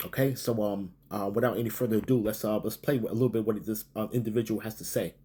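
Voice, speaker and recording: A man teaching his religious group in a sermon-style talk, halting and full of fillers, often tagging lines with okay and man. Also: lowish voice, warm tone, husky.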